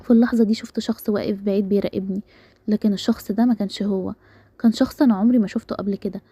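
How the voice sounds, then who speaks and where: A woman with an Egyptian Arabic accent reading a first-person story in rapid, even narration. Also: medium pitch, husky, no room sound.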